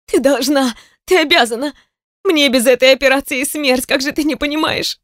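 Woman reader doing a frantic older sister, hoarse and shrill, begging hard, audiobook. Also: moderate pace, fairly bright tone, no room sound, clean studio sound. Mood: desperate pleading. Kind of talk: audiobook character voice.

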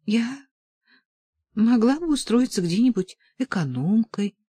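A shy, tearful young woman, voiced by the audiobook reader speaks in a raised, softer register, with a lot of movement in the pitch. The sound is dry and close. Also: animated, unhurried, husky, dry recording. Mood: timid. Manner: timid, soft.

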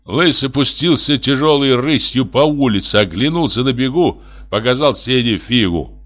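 A man reading a literary story aloud, telling it in an expressive, acted way. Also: mid-range voice, moderate pace. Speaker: narrator.

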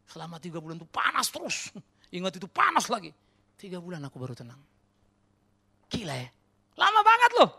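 A man delivers a sermon as pastor with a high, gravelly voice that swings freely up and down. He keeps questioning the congregation and slips slang and English phrases into his talk. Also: fairly quick, pauses often. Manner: animated, questions the congregation directly; mixes casual slang and English words. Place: church.

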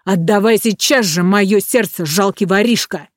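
A reader voicing a smug, menacing giant sorcerer in a storybook reading, shouting and threatening at times, soft and coaxing at others. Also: medium pitch, moderate pace, no room sound, clean studio sound, lightly acted. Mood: furious. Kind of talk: storybook character voice.

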